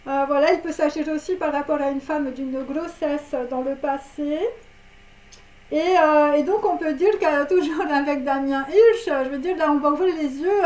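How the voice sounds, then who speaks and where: A woman's voice: high-pitched, a little mellow. Woman, tarot reader, casual reading, rambling, lots of fillers, giggly, echoey room. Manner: rambling, heavy on fillers and tags; giggly, laughs at her own jokes.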